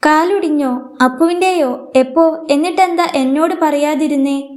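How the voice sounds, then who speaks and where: A woman voicing a drunk, angry man who bullies his family, with shouting, demanding lines in a storybook reading. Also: sits high, normal speed, lightly acted. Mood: startled.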